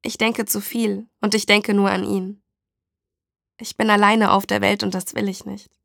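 An exhausted young mother deep in grief, as a woman reading a story puts her on. She speaks quietly and brittly, in a flat tone with some gravel. The recording is dry and close. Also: moderate pace, no room sound. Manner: fragile, quiet, formal address.

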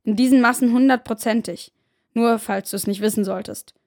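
A woman voicing a loud, coarse male drug dealer who smokes heavily and talks bluntly in slang, shouting as if on the phone. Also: on the high side, fairly even intonation, a little fast, close to an everyday voice. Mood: mocking.

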